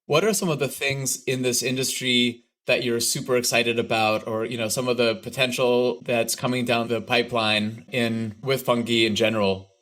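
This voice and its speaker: A male podcast host with a mid-pitched voice asks curious, probing questions. He interviews in a relaxed conversational way. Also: moderate pace, hardly any pauses.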